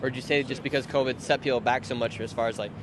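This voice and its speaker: A man doing live street interviews outdoors, asking quick, eager questions. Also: mid-range voice, fairly even intonation. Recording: loud street and traffic noise.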